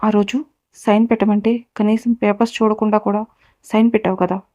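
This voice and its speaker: A woman's voice: medium pitch, flat delivery, fairly quick, warm tone, no room sound, lightly acted. A woman playing a cold, vengeful businessman. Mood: cold accusing. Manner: coolly menacing, lays out accusations. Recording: dull, dry recording.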